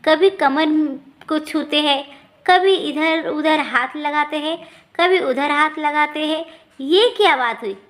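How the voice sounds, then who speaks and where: A woman's voice: high voice, slow pace, a bit bright. A woman voicing a naive, shy young village daughter-in-law who speaks politely. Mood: indignant. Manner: polite, then indignant.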